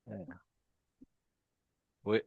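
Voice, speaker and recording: A man from Ethiopia hosting a video call meeting and presenting, friendly and halting with many fillers and restarts. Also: no echo, phone-quality sound. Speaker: meeting host, company founder.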